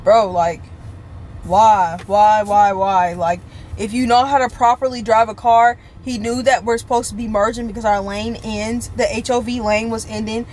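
A woman's voice: fairly high pitch, flat delivery, fairly quick, few pauses, darkish tone, slight background noise. A young pregnant woman venting to viewers in a casual vlog, upset and repeating herself. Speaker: vlogger.

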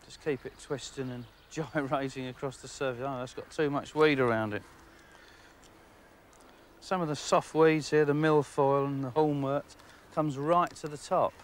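A middle-aged man giving outdoor fishing commentary from a lakeside jetty, excitable, laughing often and talking to the fish. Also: mid-range voice, moderate pace, a little hiss or hum. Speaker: angling presenter.

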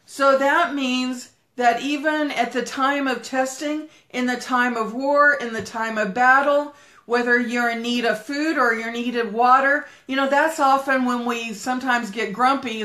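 Fervent high-voiced woman preaching. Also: fairly bright tone, echoey room. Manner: fervent, preacherly, breaks into prayer; talks fast while walking. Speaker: pastor teaching a Bible study. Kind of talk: livestreamed sermon teaching.

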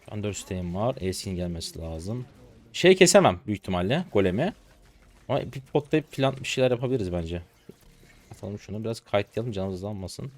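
A hoarse man in his twenties giving slangy live commentary to viewers while he plays a game. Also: on the low side, very animated. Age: 20s. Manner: rapid slangy chatter to viewers. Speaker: gaming streamer.

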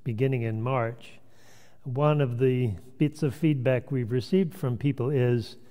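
Slow, mellow-voiced minister in a reverberant hall. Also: male voice, mid-range voice. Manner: gentle, measured storytelling with quoted voices. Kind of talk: storytelling sermon. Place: church sanctuary. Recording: long hall reverb, church sanctuary.

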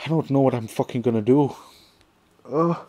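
A young man giving casual let's-play commentary on his game, sarcastic and swearing, with sudden loud outbursts at the game. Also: medium pitch, moderate pace. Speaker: gameplay commentator.

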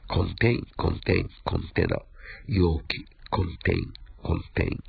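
Japanese-accented male English teacher, gravelly husky delivery, spells out words, muffled lo-fi sound. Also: deep voice, dry recording. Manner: repeats words slowly, spells them out letter by letter. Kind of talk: English vocabulary lesson.

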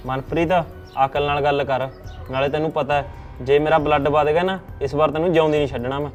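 A man's voice: a little high, fairly even intonation, fast, soft background music, natural voice. A man acting a bullying husband who threatens his wife in a short drama film. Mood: angry, threatening. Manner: blustering, threatening.

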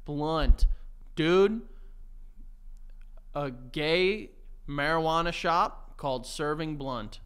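A man's voice: fairly high pitch, very slow, long pauses, a bit bright, clean tone. A young man co-hosting a podcast, teasing and crude in casual banter, laughing often. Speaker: podcast co-host.

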